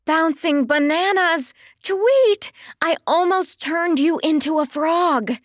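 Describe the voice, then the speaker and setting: A woman's voice: high voice, drawn-out words, dry recording, clean studio sound, pitched above the performer's own voice, full character voice. A woman voicing an eager, clumsy young magical creature with hooves who cries out in sudden exclamations. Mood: startled. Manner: bright, exclamatory, easily startled.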